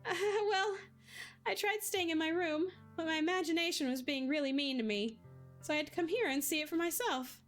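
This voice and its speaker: A woman voicing a cheerful yet heartbroken teenage girl, speaking high and tearfully while reading a visual novel aloud. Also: a little fast, fairly bright tone, faint music behind. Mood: bubbly. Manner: high, wavering, tearful pleading.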